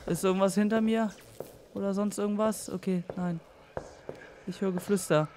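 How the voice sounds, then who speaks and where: A man commenting on a horror game as he plays. He is scared and tense, talks to himself and repeats phrases nervously, and swings between loud outbursts and near-whispers. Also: high voice, steady tone, moderate pace, slight background noise. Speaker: let's play gamer.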